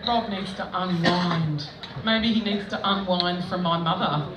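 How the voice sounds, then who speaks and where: A middle-aged Australian woman performs a stand-up set on an outdoor festival stage, telling self-mocking stories in a chatty style with frequent laughter. Her voice is lowish and her pace measured. The distant mic picks up echo and background noise.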